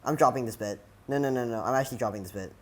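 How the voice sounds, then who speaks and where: Rambling young podcast host, self-mocking. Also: male voice, medium pitch, very fast. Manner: rambling, self-mocking, talks over bits. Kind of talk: casual podcast chat.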